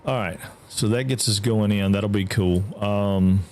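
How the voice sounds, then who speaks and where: A man's voice: measured pace, a little hiss or hum. A man from Georgia with a Southern accent, chatting casually while live-streaming a game and answering chat. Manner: chatty, drawling, reads chat aloud, jumps high when excited.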